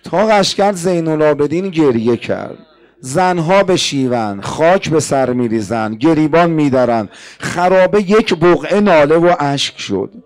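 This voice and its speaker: A man's voice: fairly high pitch, lively intonation, darkish tone. A male preacher narrating a mourning sermon with emotion, addressing the audience directly.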